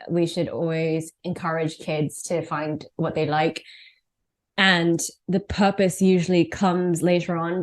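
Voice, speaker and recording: A woman who is a singer and songwriter, talking thoughtfully and earnestly as a podcast guest. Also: lowish voice. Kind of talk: casual podcast interview.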